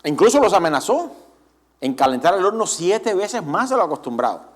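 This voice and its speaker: A man preaching a Sunday sermon in church as pastor, animated and often asking the congregation direct questions. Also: sits high, moderate pace.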